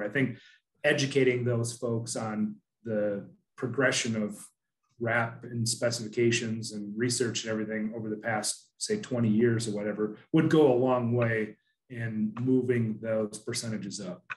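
A man in his thirties speaking earnestly on a video call from an office, with many restarts and fillers. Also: mid-range voice. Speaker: panelist from an asphalt producer. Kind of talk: casual webinar discussion. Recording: roomy video call audio.

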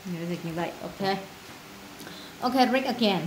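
Woman teacher, mid pitch, drills words with fillers; faint hiss behind. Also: lively intonation, measured pace, low-quality recording. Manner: repeats each word, many filler sounds, translates terms one by one. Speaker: English teacher. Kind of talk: vocabulary lesson for students.

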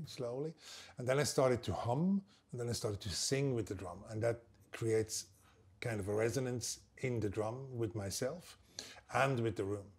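A medium-pitched, slightly mellow and slightly rough voice belongs to a composer and percussionist in his sixties from Basel, Switzerland. Speaking German natively with a Swiss German accent, he explains his work in short, thoughtful phrases. The interview unfolds at a large wooden table in an indoor space under a glazed roof.

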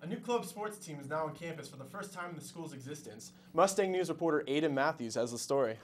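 Fast-reading male student news anchor. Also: fairly high pitch, expressive, a little hiss or hum. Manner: brisk newsreader delivery. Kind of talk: read news broadcast.

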